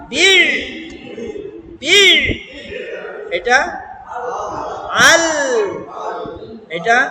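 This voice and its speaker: Male tutor, very slow and patient, coaching a student through recitation, echoey noisy room. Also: very high voice. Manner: patient, drilling letter by letter, coaxing the student. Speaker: Quran recitation teacher. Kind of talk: one-on-one recitation lesson.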